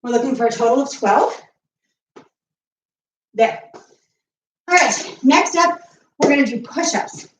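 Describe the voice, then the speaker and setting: A high-voiced woman coaches a home workout while doing the moves herself, short of breath as she counts off reps. She sounds a little far from the mic, in an echoey room. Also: expressive, measured pace, pauses often, a little hiss or hum. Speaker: fitness coach. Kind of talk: live home workout instruction.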